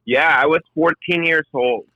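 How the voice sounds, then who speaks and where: A man's voice: a little high, a little slow, dry recording. A man, chatting in a friendly way as a podcast guest. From Colombia. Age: 40s. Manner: friendly, leans on stock phrases like "of course". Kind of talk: casual interview talk. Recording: dull lo-fi sound.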